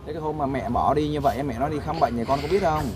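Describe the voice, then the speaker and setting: A man interviewing a young child outdoors, asking gentle, simple questions. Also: a little high, quick pace. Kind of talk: street interview. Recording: loud crowd behind.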